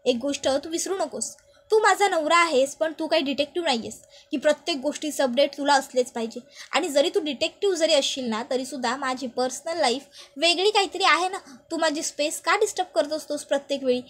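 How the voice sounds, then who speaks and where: A woman voicing a young wife hiding a secret, who talks fast and turns defensive, in a high voice. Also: natural voice. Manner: defensive, quick to snap back.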